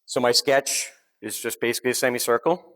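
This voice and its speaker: A man with a Boston accent giving a relaxed, joking, step-by-step software demo at a conference session. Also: medium pitch, a little fast. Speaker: presenter. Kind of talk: live technical demo.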